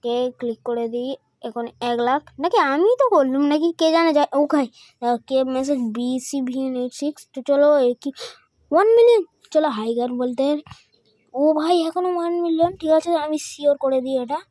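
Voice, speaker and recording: Girl doing hyped game commentary, highish voice, dry close sound. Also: a little fast, no echo. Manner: excitable, mixes Hindi phrases, counts numbers aloud. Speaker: gaming channel host. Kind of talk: excited gameplay commentary.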